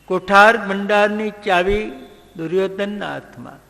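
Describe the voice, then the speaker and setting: A man telling a devotional story in a slow, measured way, breaking into song now and then. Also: high-pitched, vocal fry, bright, forceful tone. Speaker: religious storyteller. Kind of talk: devotional storytelling with sung passages. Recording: long hall reverb.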